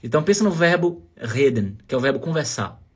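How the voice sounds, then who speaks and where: A man's voice: medium pitch, sing-song, a little fast, husky. A Brazilian man from Bahia with a Bahian accent, teaching German pronunciation in a chatty online lesson and modeling sounds aloud. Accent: Bahian Brazilian Portuguese.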